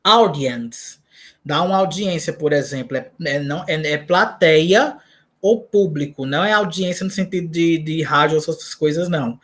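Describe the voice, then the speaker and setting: A woman's voice: low voice, normal speed. A Brazilian woman teaching English to students in a recorded lesson, explaining words step by step and checking in with "né?" and "tá?". She has a Brazilian Portuguese accent. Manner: explains false cognates, corrects herself, asks "né?" and "tá?".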